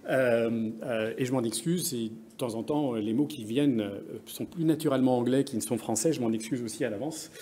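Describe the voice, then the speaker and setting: A man's voice: medium pitch, a little fast, hardly any pauses, mellow, breathy edge. A middle-aged man from France whose French carries an American English accent, giving a conference presentation with many fillers and restarts. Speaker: conference speaker. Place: conference room.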